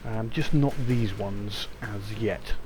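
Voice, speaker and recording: A man's voice: on the low side, slow, background noise. A man giving casual let's-play commentary, chatty and hesitant with many ums and restarts. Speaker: gameplay commentator.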